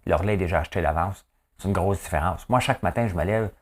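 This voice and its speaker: A man's voice: low voice, fast talker. A middle-aged man with a Quebec French accent, hosting a casual daily news podcast and talking like a farmer speaking his mind, tossing rhetorical questions at the listener. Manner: chatty, rhetorical, keeps asking "hein?".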